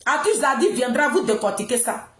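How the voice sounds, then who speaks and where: In an echoey room, a woman with an Ivorian accent rants about politics in a high voice. Her intonation swings widely as she scolds her audience and hammers phrases by repeating them. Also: very animated, fairly quick, fairly bright tone. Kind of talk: impassioned political monologue addressed to the public. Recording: roomy, echoing sound.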